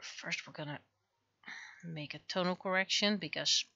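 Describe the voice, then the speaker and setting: Her voice here is lowish, gravelly, bright and forceful, at a moderate pace, captured with dull audio. She's a livestreaming digital artist offering casual fragmentary commentary as she works on her art.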